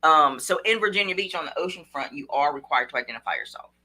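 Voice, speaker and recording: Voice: mid-range voice, lively intonation, fast talker, sharp tone. A podcast guest giving earnest, instructive advice in a casual conversation.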